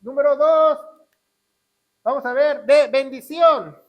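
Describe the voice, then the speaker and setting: A middle-aged man preaching a sermon as pastor, swinging between loud exclamations and quiet asides. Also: extremely high pitch, takes it slowly, rough recording.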